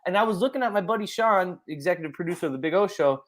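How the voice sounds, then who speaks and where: A young man co-hosting a casual sports podcast, excitable and rambling with lots of fillers. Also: high-pitched, very fast. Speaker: podcast co-host.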